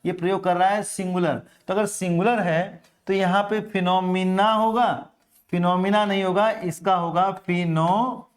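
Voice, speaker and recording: A man's voice: high-pitched, little pitch movement, moderate pace. A middle-aged Indian man teaching an exam-prep grammar lesson, explaining step by step and answering his own questions. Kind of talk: classroom grammar lecture.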